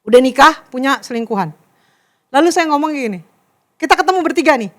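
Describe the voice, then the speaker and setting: A young woman giving a chatty, animated youth sermon and talking straight to the crowd. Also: sits high, brisk. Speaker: youth preacher. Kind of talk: casual sermon.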